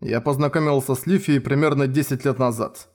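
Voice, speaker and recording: A man voicing a calm, thoughtful young man who speaks in a measured way. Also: mid-range voice, natural voice.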